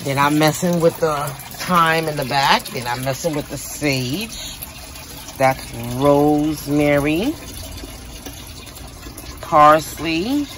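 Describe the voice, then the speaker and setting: The recording is rough, and the woman's voice is low as she gives a chatty tour of her patio and garden out back. She's a home renovation vlogger filming on a handheld phone outdoors, speaking straight to viewers with lively exclamations over ambient outdoor noise.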